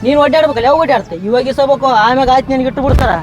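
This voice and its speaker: A man's voice: extremely high pitch, lo-fi sound, over music. A man acting a meddling village friend who goads his pal. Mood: goading. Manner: goading, rapid. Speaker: friend egging him on.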